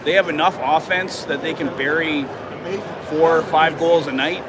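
Standing in a crowded arena entrance, a fan chats casually about the game while his companion records him on a phone held a bit off to the side. He has a fairly high-pitched, steady voice and speaks at an ordinary pace. The city crowd and traffic around him are very loud.

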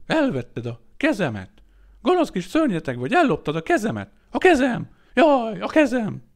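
A man voicing a bearded adult man in an audiobook, loud, shouting and frantic. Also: high voice, huge pitch swings, pitched above the performer's own voice, full character voice. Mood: hysterical. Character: bearded grown man, pompous then hysterical. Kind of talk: audiobook character voice.

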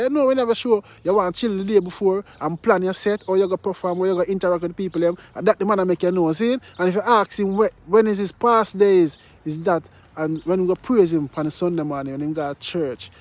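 A man's voice: high-pitched, fairly even intonation, fast talker. A man reviewing a song in casual chat, talking in patois phrasing and singing along at times. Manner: Jamaican-style patois phrasing, sings along. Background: music playing.

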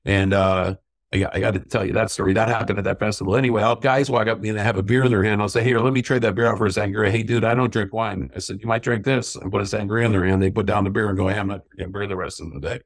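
A middle-aged man telling lively anecdotes in a casual interview about his sangria business. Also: on the low side, rapid-fire, no room sound, clean studio sound. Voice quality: self-described stubborn Irishman. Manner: chatty anecdotal storyteller, acts out quoted voices. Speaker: sangria company owner.

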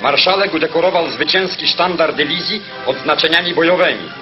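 Old newsreel narrator: a man with a slightly high voice, solemn official read, dull 1940s soundtrack. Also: brisk, loud music behind the voice. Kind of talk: formal scripted newsreel narration.

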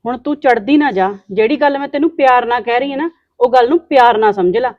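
A woman playing a bossy, fast-talking landowner. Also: a little high, no echo, lo-fi sound, lightly acted. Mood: lecturing. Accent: Punjabi. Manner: bossy, scolding, fast retorts. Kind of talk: Punjabi short-film acting.

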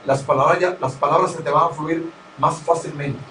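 A man's voice: a little high, steady tone, moderate pace, sharp tone, a little hiss or hum. A man with a Dominican accent, an experienced radio broadcaster giving an interview, talking in an emphatic, lecturing way and repeating his key points. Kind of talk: conversational interview, instructive. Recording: roomy, distant mic.

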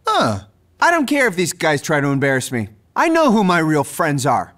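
A man voicing a friendly, excitable young male cat in a cartoon, casual and expressive. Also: a little high, moderate pace. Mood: annoyed.

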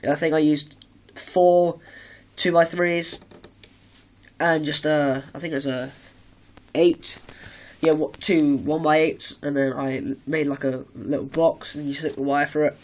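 A teenage boy who makes hobby videos shows off his model build at home, filming indoors with a handheld camera. He has a cold and a sore throat, and his slightly high voice stays flat and unhurried while he rambles casually, full of fillers and self-corrections.

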